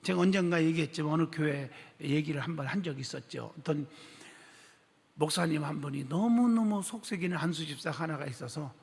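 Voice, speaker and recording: High, gravelly-voiced male pastor preaching. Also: a little fast. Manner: animated storytelling, acting out quoted speech, questioning the congregation. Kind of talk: sermon. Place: church sanctuary. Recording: long church-hall reverb.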